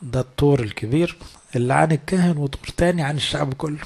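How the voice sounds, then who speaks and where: Egyptian guy preaching, kinda husky voice, talks like a chat, keeps asking the crowd questions. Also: on the high side, racing, a little mellow. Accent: Egyptian Arabic. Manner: conversational, asks the listeners rhetorical questions. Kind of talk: sermon.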